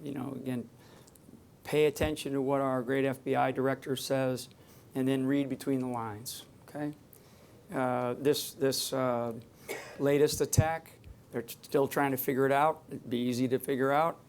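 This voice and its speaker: Speaking unscripted to a live audience from a stage, a man who gives public talks on security rambles emphatically and keeps restarting his sentences. His mid-range voice has a level, darkish tone and a moderate pace, with slight background noise.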